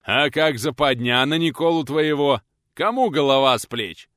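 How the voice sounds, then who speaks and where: A man's voice: medium pitch, expressive, moderate pace, fairly bright tone, no room sound, studio quality, pitched above the performer's own voice, lightly acted. A man doing a blunt red-bearded guard. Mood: insistent.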